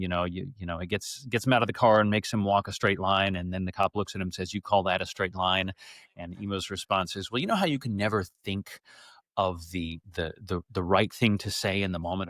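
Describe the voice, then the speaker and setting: An actor appearing as an interview guest tells stories in a casual, lively, wandering way, frequently stumbling over repeated words. His voice is low-pitched, and the studio-quality recording has no echo.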